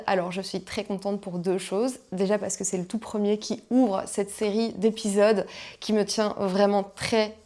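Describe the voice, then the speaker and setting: A woman hosting a podcast and interviewing a guest, with an enthusiastic, lively manner. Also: mid-range voice. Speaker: podcast host.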